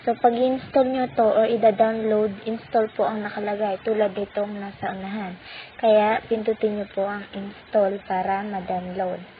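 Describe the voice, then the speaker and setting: This woman, host of a tutorial channel, has a Filipino accent and a medium-pitched, level voice at a moderate pace. She walks viewers through a phone app step by step, staying polite and patient and using lots of "po" courtesy markers. Tinny phone-like audio carries faint noise.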